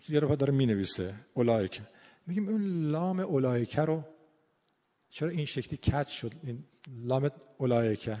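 Guy teaching tajwid, slightly high voice, stretches out example words, long echo. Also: darkish tone. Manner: explanatory, drawn-out demonstrations of sounds. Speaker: Quran recitation teacher. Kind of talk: tajwid lesson on scoring recitation. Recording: long hall reverb.

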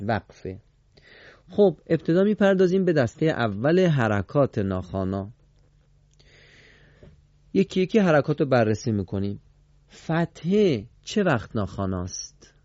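A man teaching a Quran recitation lesson to a studio class on radio, quizzing the students and repeating their answers with emphatic pitch swings. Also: a little mellow, no room sound, highs cut off.

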